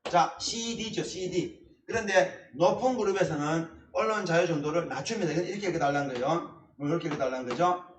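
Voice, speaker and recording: A male instructor teaches at a blackboard with emphatic repetition of key words. His voice sits a little high. He is picked up from some distance in an echoey classroom, with faint background noise and clicks. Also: a little fast, few pauses. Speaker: essay-writing instructor. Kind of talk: blackboard lecture.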